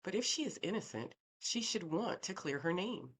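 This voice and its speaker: A woman's voice: on the low side, sing-song, moderate pace, husky, pitched above the performer's own voice, exaggerated voice. A woman voicing an eager, slightly pushy young male podcaster in his late twenties, reading an audiobook.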